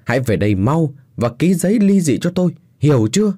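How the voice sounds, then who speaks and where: A man's voice: a little high, sing-song, a little fast, dark tone, no room sound, clean studio sound, pitched above the performer's own voice. A man playing a cruel, cold husband who speaks in harsh, commanding threats.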